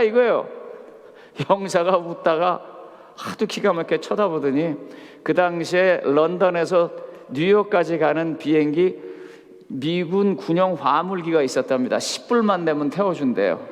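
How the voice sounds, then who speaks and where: A middle-aged man preaching a sermon as a pastor, telling humorous stories and acting out the dialogue. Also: on the high side. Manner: storytelling with humor, acts out quoted dialogue. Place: camp meeting hall. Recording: hall reverb.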